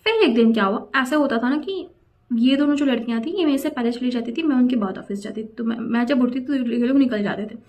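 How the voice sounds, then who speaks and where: In a casual storytime vlog, a young woman recounts something that happened to her, chatty and indignant, sprinkling English phrases throughout. Her voice is a little high with a darkish tone, and she talks fast.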